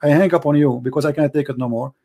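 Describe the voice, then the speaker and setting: A man's voice: a little high, fast talker, mellow. A man hosting a live call-in religious debate, preaching with passion in broken grammar while losing his voice. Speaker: call-in show host.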